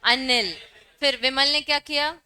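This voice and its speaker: A woman's voice: high voice, a little slow, bright, forceful tone, clear, resonant tone. A young woman teaching a law class, explaining with everyday examples and mixing Hindi and English terms.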